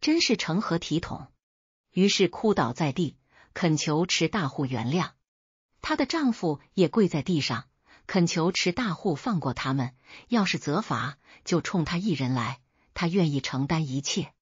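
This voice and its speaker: A woman's voice: deep voice, animated, normal speed, husky, no echo. A woman narrating a scripted folk tale as a storyteller. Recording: dull lo-fi dry recording.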